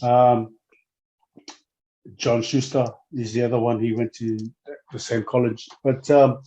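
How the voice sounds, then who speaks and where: A man's voice: mid-range voice, level tone, a little slow, warm tone, muffled recording. A man in his forties from Samoa, speaking in a casual interview as a guest, hesitant and full of fillers and restarts. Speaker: guest, former rugby player.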